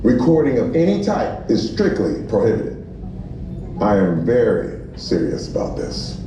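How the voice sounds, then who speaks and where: An actor playing a self-important, nervously reassuring space corps officer in a scripted theme park ride show. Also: male voice, medium pitch, sing-song, a little slow, background noise. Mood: stern, officious. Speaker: announcer and safety officer in a ride pre-show. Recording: echoey, distant theme park speakers, loud music.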